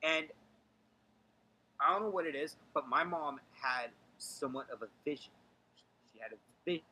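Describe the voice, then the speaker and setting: A man's voice: fairly high pitch, normal speed, pushed and bright, breathy edge, low-quality recording. A young man telling a ghost story to friends on a stream call, hesitant and dramatic, with many fillers and restarts. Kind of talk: casual storytelling on a livestream call.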